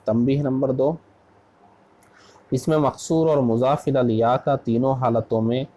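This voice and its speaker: A man's voice: medium pitch, fairly even intonation, unhurried, dark tone, low-quality recording. A man from India, an Islamic scholar teaching an Arabic grammar lesson, who patiently repeats each word form to drill it.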